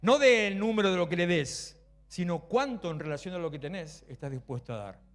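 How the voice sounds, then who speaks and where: A middle-aged man with a Rioplatense Spanish accent preaching a lively sermon, swinging between loud exclamations and quiet asides. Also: sits high, brisk, soft background music. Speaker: pastor.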